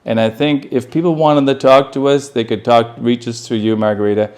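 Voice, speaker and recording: A man in his fifties from Canada, a retired client chatting in a relaxed, talkative way in an interview. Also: mid-range voice, a little fast. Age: 50s. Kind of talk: casual interview chat.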